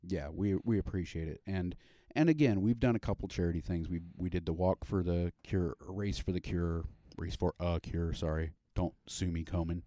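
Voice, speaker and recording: A man's voice: low voice, moderate pace, few pauses, mellow, no room sound, studio quality. A man hosting a casual podcast, rambling with fillers and restarts. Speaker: podcast host.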